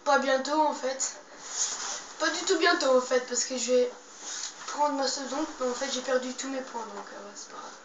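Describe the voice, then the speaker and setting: A woman's voice: high voice, fairly even intonation, normal speed. A woman doing casual, slangy game commentary, muttering to herself and swearing mildly as she plays. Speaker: gamer playing a zombie game. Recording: roomy, distant mic, loud background noise.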